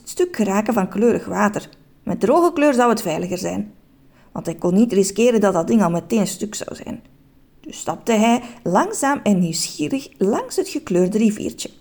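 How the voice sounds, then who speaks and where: A woman narrating a children's story in an expressive, playful, suspenseful way. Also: mid-range voice, normal speed.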